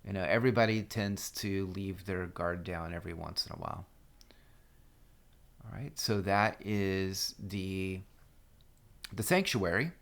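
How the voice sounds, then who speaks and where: A man's voice: low voice, measured pace, long pauses, a bit bright. A man casually talking through a mobile strategy game guide as a screen-recorded voice-over, loose and full of fillers and restarts.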